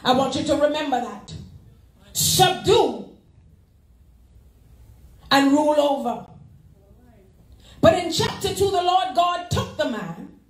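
Woman associate pastor, high voice, lively preaching, roomy sanctuary sound. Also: slow pace, long pauses. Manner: preaching with call-and-response, animated and laughing. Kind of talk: sermon. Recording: echoey church sanctuary.

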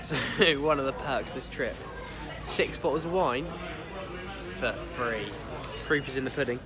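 A man's voice: medium pitch, unhurried, over loud music. A man in his thirties with an English accent, chatting and joking as he films a travel vlog on his phone in a car and on a ferry. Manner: chatty, jokey, teasing. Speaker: vlogger. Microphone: phone camera at arm's length. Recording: vehicle and street noise behind.

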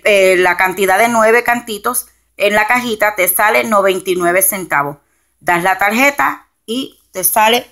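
A bright-voiced woman from Camden, New Jersey, USA, speaks at medium pitch in a casual grocery haul walkthrough. As a couponing vlogger, she chats away, explains prices step by step and mixes in English words, filmed on a handheld phone camera indoors at home beside a shelf of groceries.

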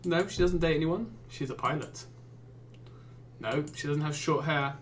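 Wry, lively English man, fairly high voice. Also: unhurried, a little hiss or hum. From England. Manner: reads questions aloud and answers with wry, exasperated jokes. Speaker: YouTuber and streamer. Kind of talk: casual gaming commentary.

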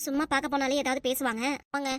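Woman voicing a fast-talking high-pitched housewife. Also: flat delivery, a bit bright, dry recording, studio quality. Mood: reluctant. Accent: Tirunelveli Tamil. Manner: rapid, fussy, protesting. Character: busy young housewife, wary of relatives. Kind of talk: cartoon family comedy dub.

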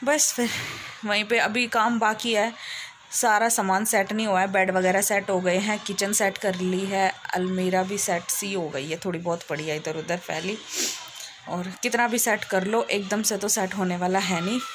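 A woman's voice: medium pitch, steady tone, normal speed, slight background noise. A woman narrating her day in a casual home vlog, telling it in a chatty, rambling way. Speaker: vlogger.

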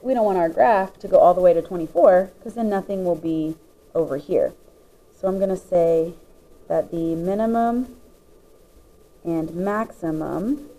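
A woman's voice: fairly low pitch, phone-quality sound. A woman teacher patiently explaining the parts of a graph, step by step, as she writes notes. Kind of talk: classroom lesson explaining graphs.

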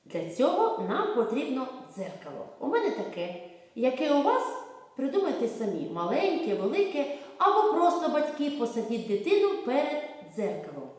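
A woman teaching a speech lesson to young children, speaking slowly and articulating each sound clearly so they can repeat after her, with a Ukrainian accent. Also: high-pitched, wildly swooping pitch, darkish tone, distant mic. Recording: echoey room, voice from away from the mic.

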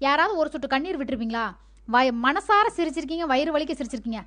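A woman's voice: high-pitched, animated, quick pace, fairly bright tone. A woman making an earnest, scolding appeal straight to camera, defending a friend. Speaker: TikTok user defending a friend.

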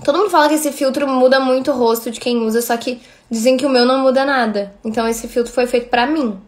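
A woman's voice: high-pitched, quick pace. A woman in her thirties with a Brazilian accent, chatting casually on a livestream and thanking viewers by name. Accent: Brazilian Portuguese. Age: 30s. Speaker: livestream host.

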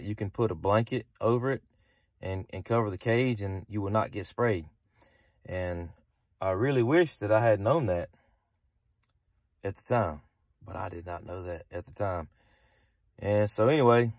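A man's voice: lowish voice, no echo, clean studio sound. A man, casually explaining a story to his phone camera from a parked car at night. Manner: easygoing, rambling with restarts. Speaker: vlogger. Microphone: phone camera held close.

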